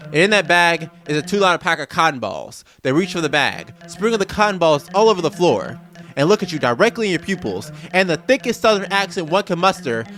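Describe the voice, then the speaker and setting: A man's voice: high voice, fairly bright tone. A man doing a sarcastic, profane comedic commentary voice-over as the host of his channel.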